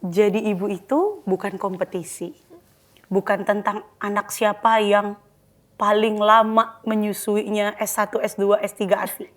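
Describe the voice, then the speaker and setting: A woman's voice: mid-range voice, fairly even intonation, a little slow, fairly bright tone. A young woman, a parenting practitioner, giving advice on a podcast, mixing English phrases into her talk and acting out what a parent says to a child. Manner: mixes English phrases into speech, acts out parent-child dialogue.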